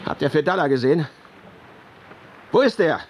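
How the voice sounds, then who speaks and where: An actor playing an obsessed, vengeful old whaling captain in a radio drama, barking orders and brooding theatrically. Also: male voice, fairly high pitch, expressive, normal speed, natural voice. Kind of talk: German radio drama acting. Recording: noisy sea ambience with boat sounds.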